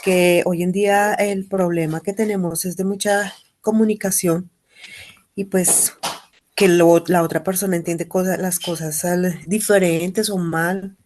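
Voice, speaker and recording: A woman workshop participant offering a spontaneous comment, halting and searching for words. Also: fairly low pitch, fairly even intonation, darkish tone, a little hiss or hum.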